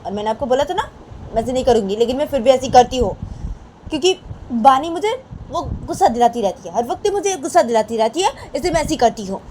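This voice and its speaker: A woman's voice: high-pitched, animated, quick pace, dark tone, a little hiss or hum, voice pushed up, rough recording. A woman playing a hot-tempered defiant young wife.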